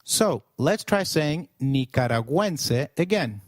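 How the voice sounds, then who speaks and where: A man's voice: a little high, lively intonation, dry recording, studio quality. Upbeat man narrating a scripted lesson. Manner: upbeat, slows down to model words. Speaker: language teacher.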